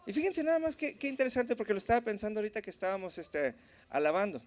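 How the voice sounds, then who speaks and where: A man teaching at a church in a relaxed, conversational way, often checking in with the congregation. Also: sits high, fast talker. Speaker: preacher.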